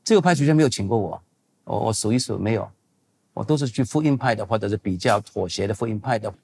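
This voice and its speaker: A man's voice: on the low side, fast talker, a little mellow, a little hiss or hum. An older man, a pastor and seminary teacher, answering audience questions in a loose, digressive, emphatic way.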